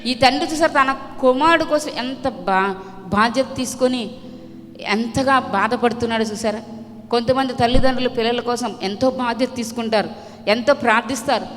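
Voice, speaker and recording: Woman preacher, higher pitch, emphatic and repetitive, long hall reverb. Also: moderate pace. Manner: emphatic, repeats phrases, exclaims hallelujah. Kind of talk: Telugu sermon retelling a Bible passage.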